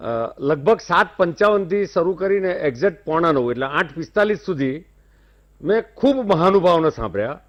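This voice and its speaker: A man speaks as a guest on a TV news debate, with a Gujarati accent. His tone is formal and courteous, and his pitch is a little raised. His audio comes over a dull, muffled remote line. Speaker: debate guest, industry-side panelist. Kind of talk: measured debate commentary.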